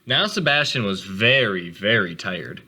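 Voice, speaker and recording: Reading a picture book to kids, this host speaks in an unhurried, bright, slightly rough voice, with big expressive pitch swings. Now and then he turns to the listeners with casual direct asides.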